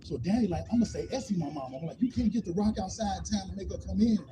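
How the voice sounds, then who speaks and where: A man with a high voice tells a story in a loose, animated way, acting out everyone's lines. The live stream is noisy behind him. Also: very fast. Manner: animated, acts out quotes in different voices. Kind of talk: casual stand-up style storytelling.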